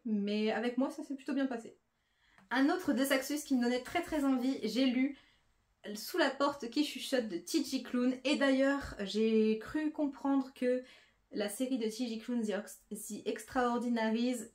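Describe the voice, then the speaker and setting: A woman's voice: mid-range voice, darkish tone. A woman talking casually about books she has read, chatty, with frequent fillers and restarts. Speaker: book vlogger. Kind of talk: casual book review.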